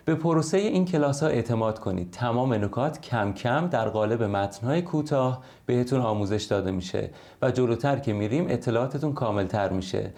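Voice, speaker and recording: Man, English teacher, recorded online lesson, patient and explanatory, average pitch. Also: lively intonation, few pauses, a little mellow.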